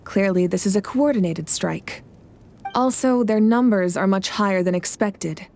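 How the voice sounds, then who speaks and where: A woman's voice: mid-range voice, vocal fry, darkish tone, slight background noise, lightly acted. Woman playing a composed, regal war leader. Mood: grave, resolute. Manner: measured, formal, authoritative. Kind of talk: video game dialogue acting.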